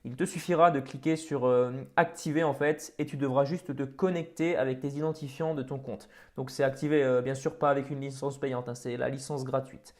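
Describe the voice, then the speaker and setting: A man hosting a software tutorial, talking casually over a screen recording with many fillers and restarts. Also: mid-range voice, steady tone, fairly quick, few pauses. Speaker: tutorial host.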